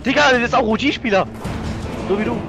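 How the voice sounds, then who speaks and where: A man's voice: very high-pitched, fast, sharp tone, faint music behind. A young man teasing his friend while they play a video game, full of youth slang. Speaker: gaming partner. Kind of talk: excited gaming chat.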